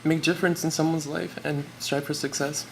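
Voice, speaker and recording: A man's voice: fairly high pitch, little pitch movement, brisk, gravelly. A teenage boy giving a nervous, tearful prepared acceptance speech for a student award. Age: teens. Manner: nervous, reading from notes. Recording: noisy live event recording.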